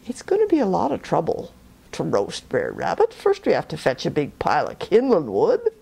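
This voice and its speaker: A woman's voice: sits low, huge pitch swings, normal speed, vocal fry, dark tone, slightly rough, pitched below the performer's own voice, full character voice. A woman voicing a big grumbling male bear in a storybook tale, raising practical objections.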